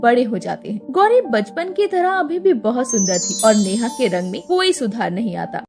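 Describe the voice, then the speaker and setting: Brief: woman storyteller, high and lively voice, steady cadence, faint music underneath. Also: moderate pace, gravelly. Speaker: narrator. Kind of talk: scripted storybook narration.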